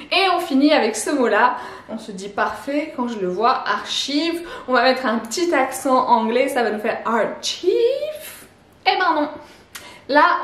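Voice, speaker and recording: A woman teaching a pronunciation lesson, explaining slowly and repeating each word with a soft laugh now and then. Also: high-pitched. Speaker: language teacher. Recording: roomy echo.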